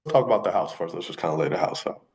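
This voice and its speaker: A man questioning a witness in a courtroom, asking halting, self-correcting questions with many restarts. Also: low-pitched, expressive, a little mellow, low-quality recording.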